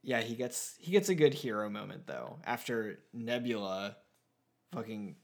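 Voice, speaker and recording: A man's voice: lowish voice, measured pace, vocal fry. A man co-hosting a casual movie discussion podcast, rambling and full of filler words. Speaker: podcast co-host.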